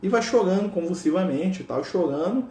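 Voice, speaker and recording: A man's voice: high voice, animated, fairly quick, dark tone. A Brazilian man telling a religious story in a casual, chatty way, peppering it with tag questions. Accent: Brazilian Portuguese. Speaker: spiritual speaker. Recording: roomy echo.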